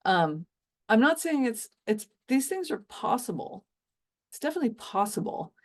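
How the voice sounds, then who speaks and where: A woman's voice: a little high, big pitch swings, moderate pace. A woman giving an enthusiastic, chatty business talk over a video call, with lots of fillers and restarts. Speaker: business coach for bodywork practitioners.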